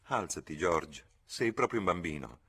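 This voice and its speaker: A man's voice: deep voice, lively intonation, normal speed, sharp tone, slightly rough, full character voice. A man reading a spirited young woman.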